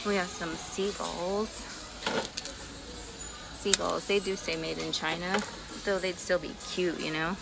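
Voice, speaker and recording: A woman's voice: fairly low pitch, level tone, measured pace, vocal fry, pauses often, very noisy. Chatty woman vlogging a thrift haul. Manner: chatty, thinking aloud with fillers and small laughs. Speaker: vintage reseller. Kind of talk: casual thrift-haul vlog. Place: large thrift store, indoors. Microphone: handheld phone.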